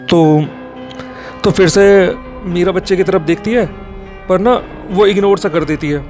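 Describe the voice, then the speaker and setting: Man with a high voice, casual horror storyteller who rambles and self-corrects, faint music under him. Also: unhurried, darkish tone.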